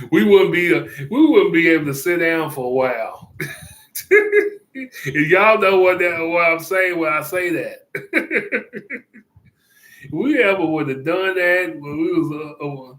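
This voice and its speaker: A man's voice: fairly high pitch, animated, a bit bright. Rambling man, echoey room. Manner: rambling, halting, many fillers and restarts; chuckles often. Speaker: commentator. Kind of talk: casual commentary.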